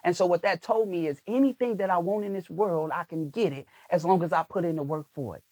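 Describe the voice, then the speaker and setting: This man's high-pitched, slightly mellow voice moves quickly on a dry recording as he guests on a motivational podcast. He coaches listeners on video content in an emphatic, preachy style, repeating himself a lot.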